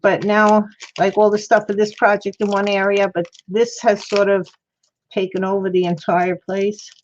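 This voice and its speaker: A woman's voice: medium pitch, little pitch movement, moderate pace, dull audio, slight background noise. A woman with slightly mushy, toothless articulation, chatting casually and thinking aloud as she hosts a craft livestream. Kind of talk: casual chat while demonstrating crafts. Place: indoor craft worktable.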